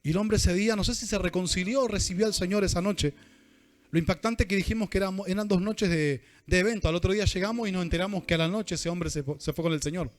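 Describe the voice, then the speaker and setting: A man preaching a sermon with an Argentine accent, animated, often calling questions out to the congregation. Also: high-pitched, fast. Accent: Argentine Rioplatense Spanish.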